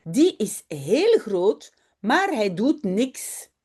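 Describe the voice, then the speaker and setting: A woman's voice: a little high, big pitch swings, extremely slow, a little mellow, breathy edge, full character voice. A woman voicing a little girl in a children's storybook, reading her lines aloud. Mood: calm. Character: young Dutch picture-book girl, anxious.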